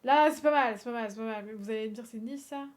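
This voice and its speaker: Chatty French streamer woman, slightly high voice. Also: fast talker. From France. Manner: animated and chatty, swears often, laughs a lot, slips in English phrases. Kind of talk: casual livestream chat.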